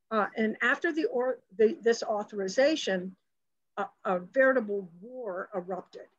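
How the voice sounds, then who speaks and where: A woman's voice: fairly high pitch, dry recording. A woman presenting a virtual slideshow lecture, talking earnestly with frequent fillers and restarts over a video call. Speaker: conservation presenter. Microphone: webcam or computer mic on a video call. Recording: dull, dry video-call audio.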